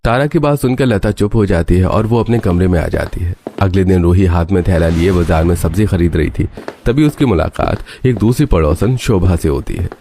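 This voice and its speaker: A man narrating a cartoon story in a steady storytelling style. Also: low-pitched, normal speed. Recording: faint background noise.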